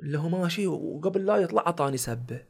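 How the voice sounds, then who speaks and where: Speaking in a village Bahraini dialect, a young comedian and content creator shares life stories as a guest on a laid-back podcast. His quick, slightly raised delivery is high-leaning with vocal fry and a slightly rough texture, and he voices each person he quotes.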